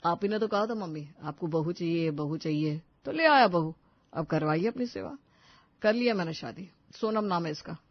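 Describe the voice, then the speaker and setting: A weary, indifferent young son from a storybook, as a woman puts him on, flat and curt, pitched well below her own voice. The sound is dull lo-fi and dry. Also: moderate pace, dry recording, lightly acted.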